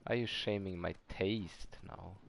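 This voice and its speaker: Low, gravelly man streaming a speedrun. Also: steady tone, measured pace, a little hiss or hum. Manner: chatty, answers chat, self-deprecating about mistakes. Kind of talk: casual stream commentary.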